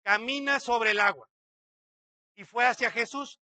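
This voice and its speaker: A man's voice: very high-pitched, measured pace, sharp tone, no echo. A man, a pastor preaching a sermon dramatically, acting out quotes and asking many rhetorical questions.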